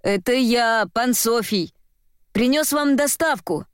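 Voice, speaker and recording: Woman doing a shy young man, hesitant, apologetic, slow careful delivery, dry close sound. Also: on the high side, animated, clear, resonant tone, dry recording. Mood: timid. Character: timid clumsy polite young male courier.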